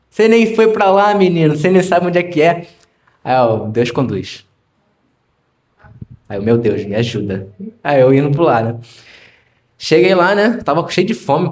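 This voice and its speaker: A man's voice: on the high side, a little mellow. Young man, carioca accent, church sermon, conversational storytelling, acts out voices. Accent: Rio de Janeiro Portuguese. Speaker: preacher.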